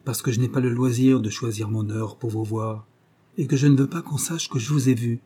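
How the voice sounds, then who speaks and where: Male reader doing a detective, calm and secretive, commanding; dark husky voice, low and firm. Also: brisk, close to an everyday voice. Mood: hushed, firm.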